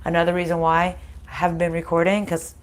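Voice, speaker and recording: A woman with a groggy, slightly hoarse voice recovering from a sinus infection, giving a casual spiritual card reading and thinking aloud in a halting, conversational way. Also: fairly low pitch, completely flat delivery, noisy background. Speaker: spiritual card reader hosting a live reading.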